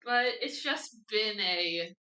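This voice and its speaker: A woman's voice: mid-range voice, expressive, slow pace, sharp tone, reverberant, low-quality recording. A woman co-hosting a casual livestream, playful and teasing with her co-host. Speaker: streamer co-host.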